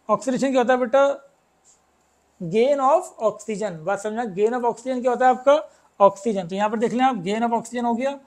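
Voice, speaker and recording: A man with a very high voice, teaching a chemistry class. He reads out exam questions in a slow, careful way, then explains each one and keeps checking that his students have understood. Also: darkish tone. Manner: addresses students as "beta", keeps asking if it is clear; reads English questions slowly, explains in Hindi. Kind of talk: chemistry lesson.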